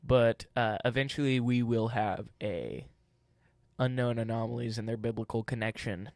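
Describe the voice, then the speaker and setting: A man's voice: mid-range voice, steady tone, normal speed, vocal fry, a little mellow, no echo. Joking young man, dry close sound. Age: young adult. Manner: jokey, playful, goofy asides. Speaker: podcast co-host. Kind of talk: casual podcast chat.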